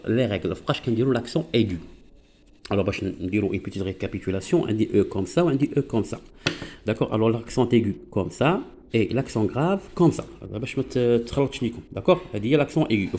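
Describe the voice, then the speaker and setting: Moroccan man teaching French, slow and repetitive. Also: medium pitch, a little mellow, slight background noise. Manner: switches between French and Darija, repeats key words slowly; keeps urging listeners to focus. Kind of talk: online grammar lesson.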